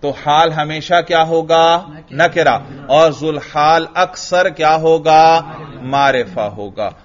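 A man's voice: on the high side, slow pace. A man teaching a grammar lesson, drilling his class with questions and answering them himself. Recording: dull lo-fi recording.

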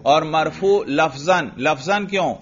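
A man gives a grammar lesson, firing short questions at his class and answering them himself. His voice sits a little high, and the recording sounds dull and lo-fi. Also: fairly bright tone. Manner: questions students and answers himself, drills step by step. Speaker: Arabic grammar teacher.

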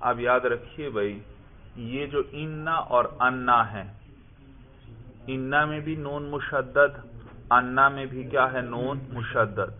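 A man teaching Arabic grammar in a classroom lesson. He asks his listeners questions, answers them himself, calls them "brother" and slows down to stress the Arabic examples. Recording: tinny, phone-like low-fidelity audio.

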